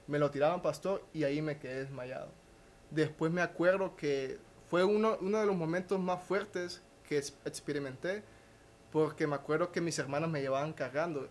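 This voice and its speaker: A young man, a podcast guest telling a personal testimony in a halting way, with restarts and a questioning tag at the end of phrases. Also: fairly high pitch, a little hiss or hum.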